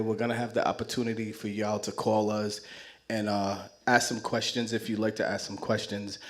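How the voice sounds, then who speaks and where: A man hosting a live community talk show, out of breath, upbeat and loose, often repeating himself. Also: on the low side. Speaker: host.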